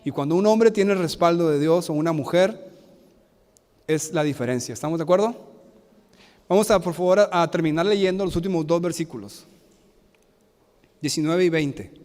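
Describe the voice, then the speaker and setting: A man preaching a sermon as pastor, animated and asking the congregation frequent rhetorical questions. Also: a little high, a little fast, in a large hall. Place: church sanctuary.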